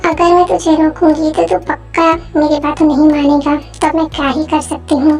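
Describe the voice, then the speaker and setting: A woman's voice: high-pitched, level tone, moderate pace, a little mellow, soft background music. A woman voicing a worried, nagging mother who waits up late, in an amateur dubbed story. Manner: nagging, scolding.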